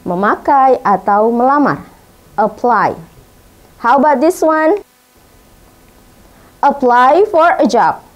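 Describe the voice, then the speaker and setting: A woman teacher with an Indonesian accent, giving a bilingual English vocabulary lesson and drilling pronunciation carefully, repeating each word. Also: a little high.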